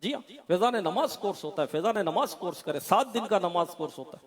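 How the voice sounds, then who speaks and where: Male preacher, fairly high voice, fervent exhortation to a live congregation. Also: animated, fast talker. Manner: exhorting, rising to emphatic peaks. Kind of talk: sermon with sung devotional verses. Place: live religious gathering.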